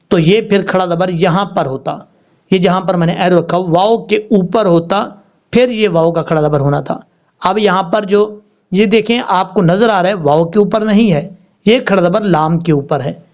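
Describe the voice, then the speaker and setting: A man teaching tajweed, explaining letter by letter and then chanting each word slowly and drawn out. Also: high-pitched, lo-fi sound. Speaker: Quran recitation teacher. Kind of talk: tajweed lesson with slow drawn-out recitation.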